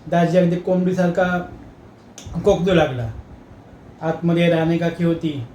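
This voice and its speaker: A man telling a comic story in a lively, dramatic way. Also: a little high, unhurried, echoey room, a little hiss or hum.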